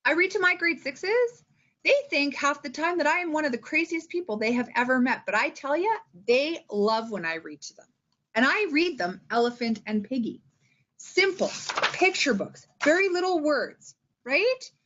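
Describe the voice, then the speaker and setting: On a muffled recording, a schoolteacher with a high, animated, somewhat bright voice gives informal tips on reading aloud at normal speed. Her delivery is emphatic and theatrical, and she often checks in with whoever's listening.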